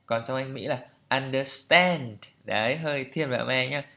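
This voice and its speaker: A man teaching pronunciation, explaining patiently and repeating example words slowly for students to copy. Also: medium pitch, creaky, pushed and bright. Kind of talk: pronunciation lesson.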